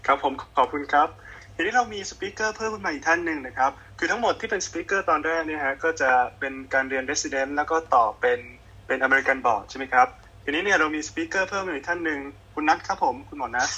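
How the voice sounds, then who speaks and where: A man moderating an online panel, polite and quick, thanking and introducing speakers. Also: on the high side, animated, bright, forceful tone, husky, low-quality recording.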